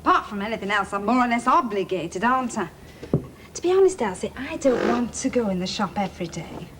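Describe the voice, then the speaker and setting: A woman's voice: a little high, animated, brisk, close to an everyday voice. An actress playing a chatty young woman, heard from a worn VHS tape copy with hiss and clicks.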